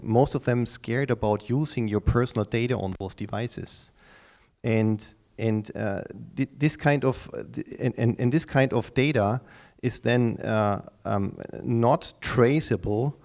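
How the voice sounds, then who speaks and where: Halting middle-aged man pitching at a conference. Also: a little mellow. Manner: halting, repeats and restarts words often. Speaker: startup pitch speaker. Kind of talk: live conference pitch to an audience.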